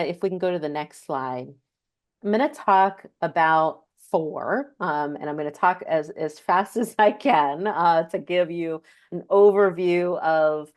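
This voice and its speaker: A woman giving a slide presentation, explaining step by step with frequent ums and self-corrections. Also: sits low. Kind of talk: slide presentation on energy costs.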